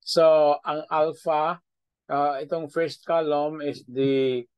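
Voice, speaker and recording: A man's voice: on the high side, fairly even intonation, takes it slowly, a little mellow, clear, resonant tone, rough recording. A middle-aged Filipino man, a pastor, teaching Biblical Greek in an online video-call class with a patient manner, checking in after each point.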